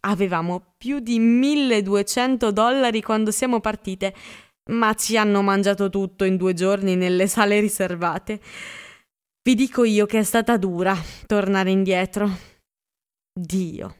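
A woman reading a gossipy excitable young woman. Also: medium pitch, unhurried, clear, resonant tone, lightly acted. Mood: chattering. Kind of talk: audiobook character reading.

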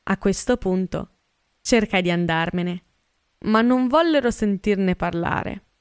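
A woman narrates a literary audiobook, reading in a measured and expressive way. Her voice is smooth and resonant at a middle pitch. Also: no echo, studio quality.

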